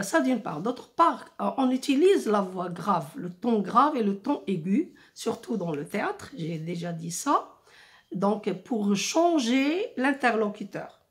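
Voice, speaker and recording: A woman teacher explaining a lesson slowly, repeating and rephrasing her points with frequent hesitations. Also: mid-range voice. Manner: slow, deliberate, repeats and rephrases with many fillers. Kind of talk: slow explanatory French lesson.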